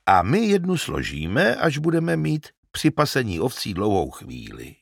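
A man voicing a talkative, excitable old male shepherd in an audiobook, loud and emphatic. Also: medium pitch, creaky, breathy edge, no echo, studio quality, pitched above the performer's own voice, exaggerated voice. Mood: eager. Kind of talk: audiobook character reading.

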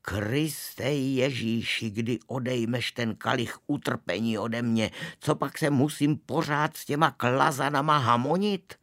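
A man voicing an irritable middle-aged ticket-taker at a cinema, who shouts indignantly in a shrill voice. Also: hardly any pauses, dry recording, clean studio sound, lightly acted. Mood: exasperated. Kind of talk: audiobook reading.

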